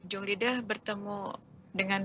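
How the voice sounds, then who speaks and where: A woman's voice: mid-range voice, fairly even intonation, normal speed, fairly bright tone, a little hiss or hum. A woman studying recitation, repeating single syllables after her teacher and answering hesitantly. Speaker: adult student. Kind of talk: reciting letters in a lesson.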